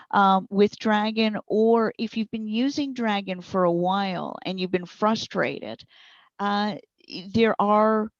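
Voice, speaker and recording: During an interview, a speech recognition consultant and trainer, a woman with a mid-range voice, gives practical, step-by-step explanations illustrated with examples. The audio is lo-fi and lacks any room sound.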